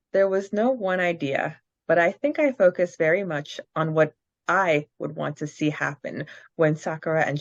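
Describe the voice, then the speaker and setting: On a dry, dull lo-fi recording, a low-pitched woman co-hosts a casual fan podcast with no echo. She reads questions aloud, answers them, chats, speaks in quick bursts, and laughs often.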